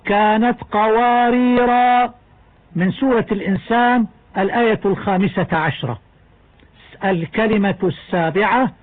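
A man teaching Quran recitation in a scripted lesson, explaining rules in a measured, deliberate way and chanting the example verses slowly. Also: sits high, slightly rough, narrow, tinny audio.

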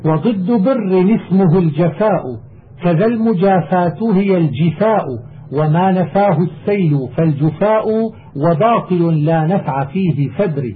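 A man with a high voice recites verse line by line in a steady, chant-like cadence, then reads the commentary. The audio is thin and phone-like, with a faint hiss underneath. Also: normal speed. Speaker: teacher reading a lexical text.

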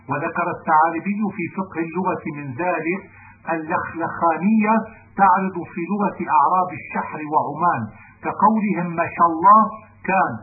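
A man reading a classical grammar text aloud in a measured, deliberate recitation. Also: a little high. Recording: narrow phone-like band with faint noise.

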